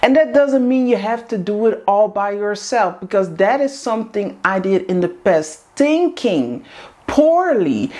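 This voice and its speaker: The mid-range, slightly mellow voice comes from a woman hosting a women's group. Her first language is Dutch, but she speaks English to camera in an earnest motivational talk, going over coaching lines repeatedly.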